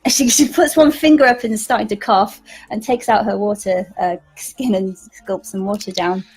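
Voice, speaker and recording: A woman's voice: medium pitch, steady tone, moderate pace, darkish tone, slightly rough, low-quality recording. A woman player rambling through her character's actions, giggling as she goes.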